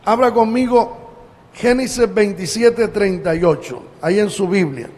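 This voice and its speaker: A pastor from Colombia preaching a sermon, with emphatic rises and drawn-out phrase endings. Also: male voice, high-pitched, a little mellow. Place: church. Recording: long church hall reverb.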